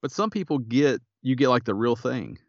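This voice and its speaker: A man's voice: medium pitch, animated, normal speed, dry recording, lo-fi sound. A man co-hosting a podcast, chatting casually in a laid-back, somewhat tired way. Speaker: podcast co-host. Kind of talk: casual chat.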